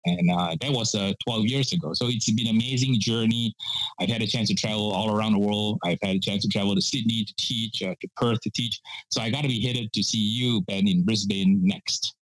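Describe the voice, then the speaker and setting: A Malaysian man in his sixties, from Penang, is a pitmaster guest spinning stories in a relaxed podcast interview. His voice sits on the low side with fairly even intonation and a fairly quick pace, and the recording is dry and rough. He's a chatty storyteller who laughs often and fills his talk with lots of "uh."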